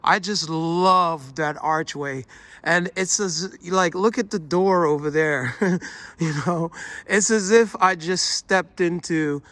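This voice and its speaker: Excitable high-voiced man vlogging outdoors. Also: slow pace, no echo. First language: not English. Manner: excitable, rambling, gushing. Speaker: travel vlogger. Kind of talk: casual vlog walkthrough. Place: outdoors at a hilltop fort and stone courtyard.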